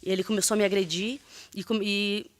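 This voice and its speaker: A woman's voice: medium pitch, flat delivery. Hesitant woman giving court testimony. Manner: hesitant, halting, full of fillers and restarts; earnest, defensive. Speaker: defendant.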